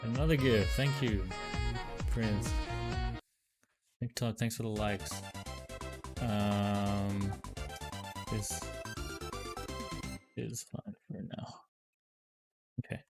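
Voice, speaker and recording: A man hosting a livestream over a headset mic, chatting casually and loosely with lots of fillers as he greets viewers and tests software. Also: fairly low pitch, steady tone, very slow, long pauses, loud music behind the voice. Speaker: livestream host. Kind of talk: casual livestream chat while testing software.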